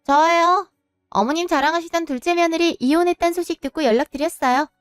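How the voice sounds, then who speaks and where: A defiant daughter-in-law, coolly polite and cutting, voiced by a woman. The voice is very high and dry, with soft music behind. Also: a little fast, no echo. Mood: coldly defiant. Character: cold, defiant daughter-in-law taking revenge.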